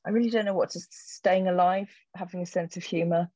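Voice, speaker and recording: In a dull, dry lo-fi recording, a sixty-something theatre director and actor from England answers interview questions reflectively and wryly, frequently starting sentences over. Her voice is lowish and mellow, steady in tone and a touch quick.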